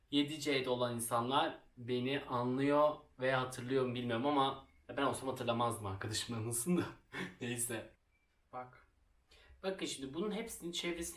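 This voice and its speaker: A man's voice: mid-range voice, a bit bright. A young man talks through a craft project in a loose, self-mocking vlog style, laughing as he goes. His voice sits in a roomy, echoing space, a little distant from the mic. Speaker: vlogger. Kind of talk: casual storytelling while crafting.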